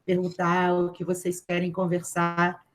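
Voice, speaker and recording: A woman coordinating an academic session, praising the guest and reading a poem aloud slowly and deliberately over a video call. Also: lowish voice, monotone.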